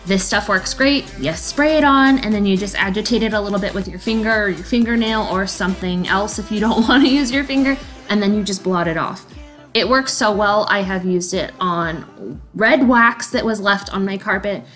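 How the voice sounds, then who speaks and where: In a chatty, upbeat voice-over with the odd laugh, this cleaning vlogger in her thirties talks through her video at a moderate pace. Her mid-range voice is a bit bright, and faint music sits in the background.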